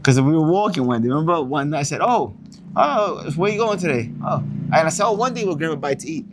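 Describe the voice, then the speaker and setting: A man's voice: a little high, expressive, fast, background noise. A young man from Queens, chatting casually in an interview and acting out the quotes in his stories. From Queens, New York. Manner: loose storyteller, acts out quotes.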